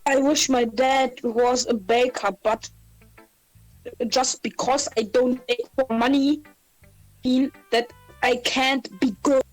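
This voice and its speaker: A woman with a German accent and German as her first language, reading a visual novel aloud as a proud, prickly teenage girl, with slow, halting, sassy line reading. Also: sits high, fairly even intonation, soft background music, rough recording. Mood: huffy.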